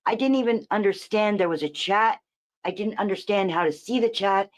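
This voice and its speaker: A woman's voice: medium pitch, normal speed. A woman streamer giving rambling, profane commentary, restarting her sentences often.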